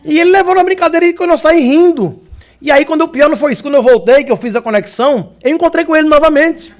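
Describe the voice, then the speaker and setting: Brazilian Portuguese man, high voice, spiritist lecturer telling funny anecdotes. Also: fast. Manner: anecdotal, good-humored storytelling. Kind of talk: humorous religious lecture. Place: lecture hall.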